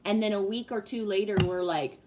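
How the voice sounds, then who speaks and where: Against a noisy background, a woman in her fifties hosts a livestream, briskly greeting viewers and chatting casually about spiritual topics. Her voice is mid-range.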